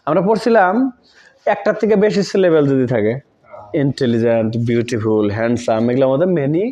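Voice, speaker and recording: A man teaches English grammar in a warm, animated, mid-range voice, talking a little fast. He repeats key words and checks in to see that his students follow. The sound quality is dull and lo-fi.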